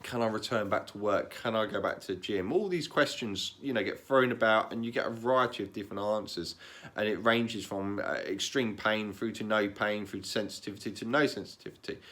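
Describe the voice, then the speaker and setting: A man talking in a casual, candid vlog, calm and matter-of-fact, often repeating words and restarting sentences. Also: on the low side, brisk. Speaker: vlogger.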